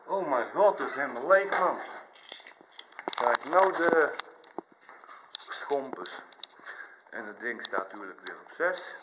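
A man's voice: medium pitch, animated, unhurried, very noisy. A man who stammers, grumbling and rambling to his dog in an apartment lift. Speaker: vlogger.

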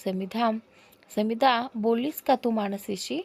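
A woman's voice: fairly high pitch, slow pace, creaky, background noise. A woman reading the lines of an eager, impatient young man in a spoken love story, pushy and pleading. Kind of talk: storybook character voice.

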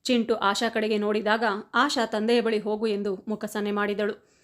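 A woman reading a family story aloud as scripted narration, in a steady, even voice. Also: mid-range voice, moderate pace.

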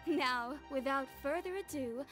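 A woman's voice: high voice, a little slow, fairly bright tone. An actress voicing a woman store announcer who addresses the customers in a cheerful public announcement style. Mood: announcing. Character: woman store announcer presenting a new product. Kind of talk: video game voice acting. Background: game music.

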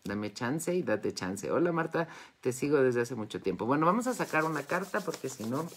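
This bass-voiced woman in her fifties, speaking with a Mexican accent at a moderate pace and big swings in pitch, runs a live Q&A as a wellness and metaphysics teacher, chatting effusively and casually with followers. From her home study with bookshelves, she records on a phone or tablet at arm's length, with a little hiss or hum.

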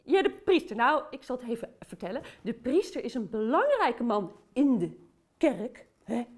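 A woman's voice: fairly high pitch, sing-song, normal speed. A woman playing a cheerful, chatty aunt who tells a Bible story to children and talks to them directly.

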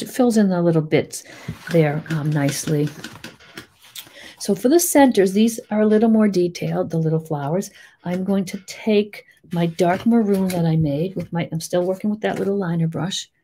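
A woman with a Boston accent giving a chatty, rambling step-by-step painting tutorial, full of gentle little asides. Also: mid-range voice, animated, normal speed, a little hiss or hum. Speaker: painting teacher.

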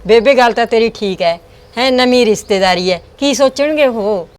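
A woman's voice: on the high side, moderate pace, natural voice. A woman with an Indian Punjabi accent plays a caring woman who comforts the old grandmother in a village family drama. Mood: consoling. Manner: consoling, firm. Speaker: daughter-in-law in a family drama. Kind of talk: village web drama acting.

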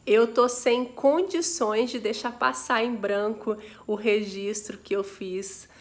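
A woman's voice: on the high side, fairly even intonation, takes it slowly. A woman with a Brazilian Portuguese accent chatting casually to camera as a home vlogger, affectionate and full of exclamations. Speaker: family vlogger. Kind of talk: casual vlog chat to camera. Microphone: phone video.

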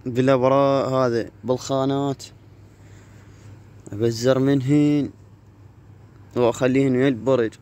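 This Iraqi Arabic–accented man has a medium-pitched, slightly mellow voice as he casually hosts his pigeon channel. He films a handheld phone vlog outdoors on a rooftop yard with low brick walls, with faint background noise in the recording.

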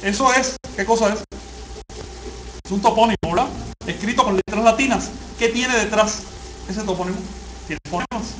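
A man teaching a classroom lecture, often asking the class questions and pausing on fillers. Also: high voice, a bit bright. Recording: echoey room, faint hiss.

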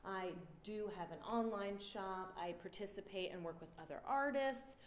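A woman in her thirties stands at a microphone on a stand in an indoor gallery, presenting her artwork with slides to an audience. Her mid-range voice is relaxed and reflective, broken often by "um" pauses. The recording has a roomy gallery sound with faint noise.

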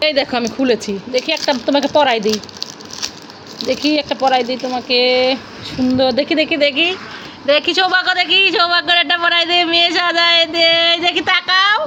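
High-voiced mother coaxing a toddler. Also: fairly even intonation, a little fast, background noise. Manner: coaxing, fussing over a toddler. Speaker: mother and vlogger. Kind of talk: casual family home video.

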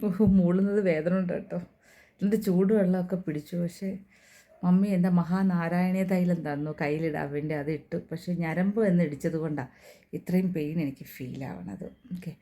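A woman's voice: fairly low pitch, dark tone. A middle-aged woman, chatting to the camera in a casual home vlog while doing chores with a sore, hurt hand. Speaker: home vlogger.

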